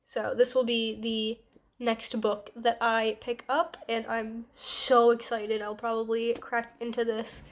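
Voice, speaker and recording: A woman's voice: fairly high pitch, flat delivery, slow pace. A young woman with a congested, nasal voice, as if her nose is blocked, chatting casually in a rambling book vlog. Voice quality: stuffy, nasal. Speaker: book vlogger.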